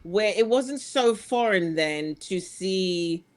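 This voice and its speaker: A middle-aged woman with a London accent speaks frankly in a conversational interview. She tells her story earnestly and with animation, circling back and restarting her sentences as she goes. Her voice sits at an ordinary pitch for a woman. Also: lively intonation, slow pace. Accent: London English. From England. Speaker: guest.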